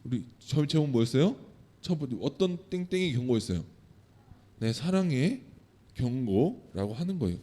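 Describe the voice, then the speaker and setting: Warm, dark-voiced man preaching to children. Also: on the high side. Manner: asks the children questions and answers them himself; acts out quoted lines of God and the people. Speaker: children's pastor. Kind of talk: children's sermon.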